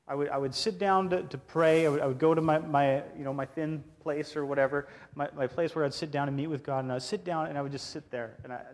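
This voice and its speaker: A man preaching a sermon, earnest, lifting his voice when he reads scripture and often repeating words as he speaks. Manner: earnest, rises in pitch and force when reading scripture; repeats words and restarts phrases. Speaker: pastor.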